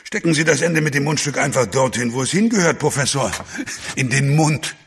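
An actor playing a confident, commanding submarine captain and inventor in an audio drama, with a husky voice and a grand manner. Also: male voice, mid-range voice, lively intonation, fairly quick. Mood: dryly superior. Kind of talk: German audio drama acting.

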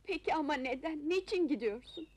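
A woman's voice: sits high, expressive, a little fast. An actress playing a modest, devoted young Ottoman woman in love, plaintive and dramatic, in an old film melodrama. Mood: anguished, pleading. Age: young adult. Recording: old film soundtrack with music. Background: film music.

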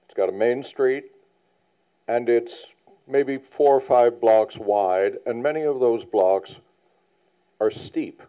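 A man's voice: mid-range voice, slow, pauses often, mellow. A man on a planning panel giving a public presentation, earnest and emphatic, repeating key points. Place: public meeting hall. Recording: dull lo-fi sound.

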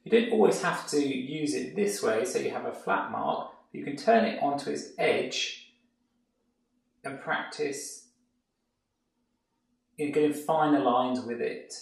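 A man gives a relaxed painting tutorial, thinking aloud as he works. His voice has a gravelly edge. The room rings with strong echo, and he sounds set back from the mic. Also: mid-range voice, unhurried, long pauses, distant mic. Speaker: art tutor.

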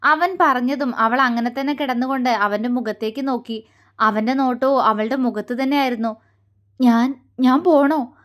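A woman narrating a romantic audio story in a calm, even reading voice. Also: on the high side, normal speed.

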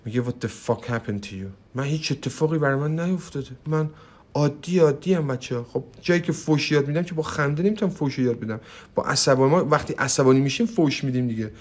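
A young man teaching English online in a livestream. He talks in a brash, hyped way, swears freely, and drops in slow, emphatic English phrases. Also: mid-range voice. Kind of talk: energetic livestream pitch and Q&A.

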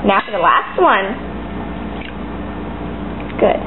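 A woman's voice: medium pitch, big pitch swings, extremely slow. A woman presenting a homemade cooking demonstration, bossily giving instructions and scolding her helper. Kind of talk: homemade cooking demo chat. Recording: tinny lo-fi home camera with clear noise.

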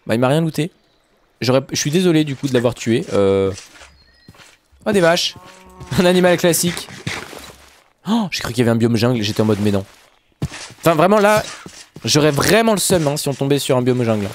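Excitable young man, lively gaming commentary. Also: medium pitch, brisk, pauses often, a little hiss or hum. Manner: chatty, excitable, talks to viewers. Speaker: gaming YouTuber. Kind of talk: Minecraft let's play commentary.

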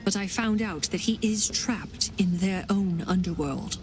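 An actress voicing a vengeful warrior queen in a video game, a grieving mother with iron will who speaks gravely and with command. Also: medium pitch, unhurried, natural voice. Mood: grim, vengeful. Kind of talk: video game character dialogue. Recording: music behind the voice.

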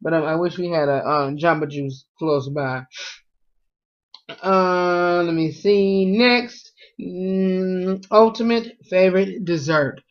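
A man's voice: sits high, slow. A young man, chatting casually at home as he reads out food questions and answers them with lots of fillers, recorded on a close webcam. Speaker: vlogger. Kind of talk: casual food tag vlog. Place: small room at home, indoors. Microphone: webcam at close range. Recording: dull lo-fi webcam audio.

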